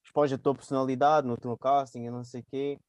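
A young man, chatting casually with friends in animated slang and explaining things through imagined scenarios. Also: mid-range voice, quick pace, dry recording. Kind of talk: casual chat among friends.

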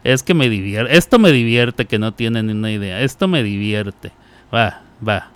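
A man's voice: on the low side, moderate pace, clear, resonant tone. A man hosting a radio show, chatting casually, teasing listeners and laughing often. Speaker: radio host.

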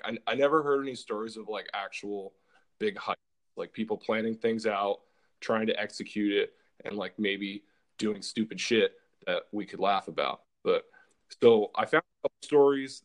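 Rambling man hosting a podcast. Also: fairly low pitch. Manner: rambling, full of "like" fillers and restarts. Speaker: podcast host. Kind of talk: casual podcast chat, telling a true story.

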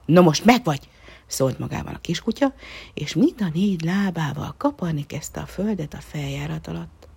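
A woman reading a children's story aloud, softly and often half-whispering. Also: deep voice, animated, vocal fry, breathy edge.

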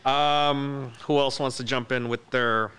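A man's voice: medium pitch, steady tone, unhurried, a bit bright, smooth. A man hosting a casual chat, friendly and prompting others to speak.

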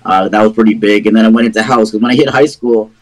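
A man's voice: fairly low pitch, steady tone, fast, low-quality recording. A man, telling stories as a podcast guest in an informal, rambling way. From Toronto, Canada. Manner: rambling, informal, checks in with "you know what I mean". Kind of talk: casual conversational storytelling.

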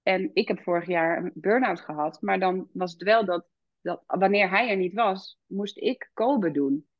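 In a candid podcast interview, a founder and midwife in her thirties reflects openly, using lots of fillers and hesitations, and livens up when she quotes her child. Her pitch is fairly low and her pace measured, on a dry, muffled recording.

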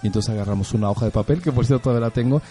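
A man's voice: medium pitch, racing, dark tone, breathy edge, soft background music. A middle-aged man with a Mexican accent, hosting a casual talk on parenting, telling stories in a chatty way with frequent rhetorical questions. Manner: storytelling, conversational, rhetorical questions. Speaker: host.

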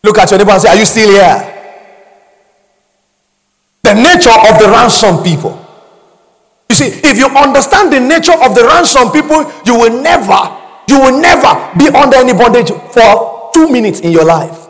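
High-voiced shouting preacher in a reverberant hall. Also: male voice, expressive, normal speed. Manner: preaching with call-and-response and frequent shouting. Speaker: pastor. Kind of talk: sermon.

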